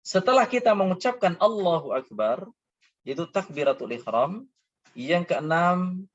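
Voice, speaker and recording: A man's voice: high-pitched, big pitch swings. Man teaching prayer pronunciation, lo-fi. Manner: drawn-out chanted demonstrations of correct and wrong pronunciation; asks questions and answers them himself. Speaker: religious teacher. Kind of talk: Islamic prayer lesson. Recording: dull lo-fi sound.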